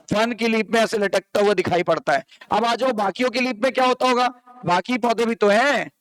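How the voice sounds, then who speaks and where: A young adult man gives a biology class in a high, clear voice. He keeps quizzing the students and answering his own questions, and he repeats key terms often. The sound is close and dry. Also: a bit bright, no room sound, low-quality recording. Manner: explains with everyday comparisons and repetition. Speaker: biology teacher. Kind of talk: classroom lecture.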